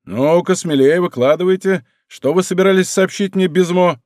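A man voicing a bold, teasing musketeer captain who talks in a brisk, rough-affectionate way. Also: high-pitched, darkish tone, no room sound, clean studio sound, pitched above the performer's own voice, close to an everyday voice. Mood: bantering.

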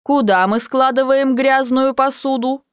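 A woman voicing a kind, cheerful father who talks in a lowered, gentle, fatherly way. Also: steady tone, a little slow, smooth, no room sound, clean studio sound.

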